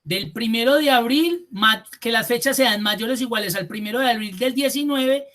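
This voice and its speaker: A man with a very high, fairly bright voice teaches an online spreadsheet class at a moderate pace. He walks through each step, repeats the key points, and thinks out loud as he goes.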